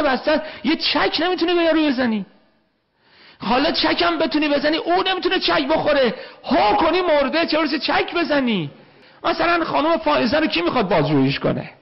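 A man with an Iranian Persian accent tells an anecdote in an animated storytelling manner, playing the people in his story as he goes. His voice sits very high and carries a gravelly fry. The recording is dull and lo-fi.

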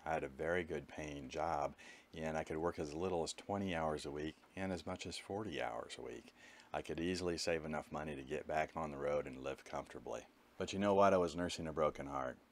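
A man's voice: rumbling low, fairly quick, a little hiss or hum. A man narrating his own travel vlog as a voice-over, telling his story in a candid, matter-of-fact way. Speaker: vlogger.

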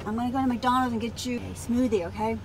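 A middle-aged American woman with a fairly high voice talks casually in a motherly, instructing way, often repeating herself. Very loud car and road noise surrounds her. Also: steady tone, quick pace. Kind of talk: casual chat. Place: inside a moving car, filmed from back seat on a phone.

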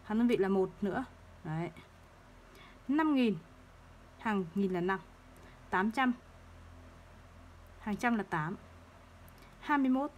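A woman teaching third-grade math, explaining place values slowly and patiently and repeating each number. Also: medium pitch, animated, a little hiss or hum. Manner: slow, patient, repeats numbers to drill them.

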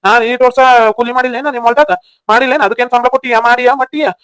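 A man plays a headstrong young cartoon villager who refuses to budge, with a North Karnataka Kannada accent. His voice is fairly high and flat in tone, smooth, and delivered at a very fast pace. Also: no room sound. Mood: insistent. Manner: stubborn, insistent. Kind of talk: cartoon voice acting.

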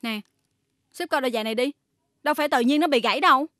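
An actress plays an insistent staffer who argues her point. She talks very fast in a high voice. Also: fairly bright tone, slight background noise. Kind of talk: sitcom acting.

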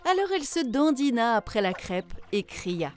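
A woman narrating a children's fairy tale in a clear, measured way. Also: fairly high pitch, sing-song, soft background music.

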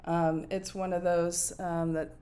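A woman in her forties, originally from Nova Scotia, talks through her cross-stitch progress in a relaxed, unhurried way. Her voice sits a little low and her pace is slow, and she thinks aloud with frequent ums. She is recorded indoors at home by a camera on her desk. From Nova Scotia, Canada. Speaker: cross-stitch video host. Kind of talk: casual show-and-tell chat. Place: home room with window blinds, indoors. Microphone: fixed camera at desk distance.

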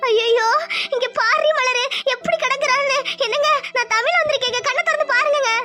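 A devoted young wife in a cartoon, tearful and pleading, as a woman voices her. She talks fast in a squeaky, bright voice pitched far up. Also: soft background music. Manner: pleading, tearful, rustic Tamil speech. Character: anxious, devoted young wife of an injured man.

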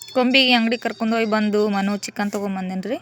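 A woman's voice: medium pitch, steady tone, quick pace, a bit bright. A woman, chatting casually to viewers as she cooks at home for her vlog. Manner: chatty, addresses viewers politely with frequent "ri". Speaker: vlogger.

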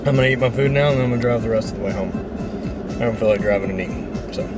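A man's voice: mid-range voice, rapid-fire, loud music behind the voice. A man in his thirties talking to a dashboard camera inside his truck, blunt and motivational, swearing freely. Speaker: vlogger. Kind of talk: casual vlog monologue.

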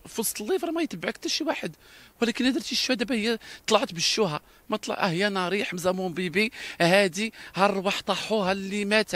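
A man's voice: high-pitched, a bit bright, dry recording. A man with a Moroccan Darija accent, speaking in an interview with emphatic, repetitive talk and frequent restarts.

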